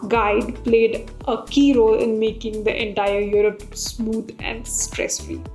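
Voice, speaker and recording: Slightly high-pitched woman narrating. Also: flat delivery, a little slow, a little mellow, roomy sound. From India. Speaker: travel vlog narrator. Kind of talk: scripted travel narration. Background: music.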